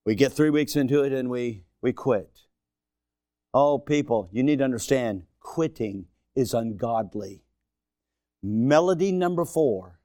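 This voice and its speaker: Animated preacher in his sixties. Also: mid-range voice, unhurried, no echo, clean studio sound. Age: 60s. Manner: emphatic, exhorting, repeats phrases for effect. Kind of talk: sermon. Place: church before a congregation.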